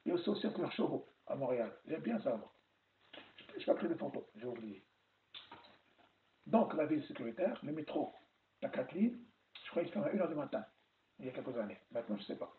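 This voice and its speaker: A man telling stories in a chatty, animated way on a casual advice vlog. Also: mid-range voice, a little fast, pauses often. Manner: chatty, animated storytelling with repeated phrases. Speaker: vlogger sharing travel advice. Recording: roomy, tinny phone-like sound with faint noise.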